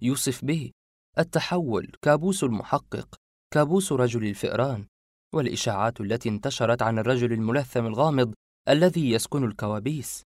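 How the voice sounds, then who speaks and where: A male audiobook narrator tells a suspense story in a steady, measured voice at a middle pitch. He draws the listener along evenly from line to line. The sound is close and dry, with no room echo.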